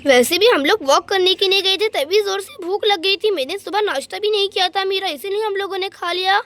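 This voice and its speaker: A woman's voice: very high-pitched, fairly quick, a bit bright, no room sound. A woman voicing an easygoing young man doll who coaxes and soothes his upset girlfriend in a doll story. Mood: coaxing. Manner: coaxing, calls his girlfriend sweet names.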